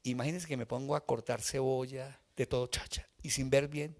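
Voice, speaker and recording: Before a congregation in a church sanctuary, a man preaches with a mid-range, creaky, slightly mellow voice, keeping his intonation fairly even and his pace a little quick. He tells a heartfelt personal story and asks the people in the pews questions.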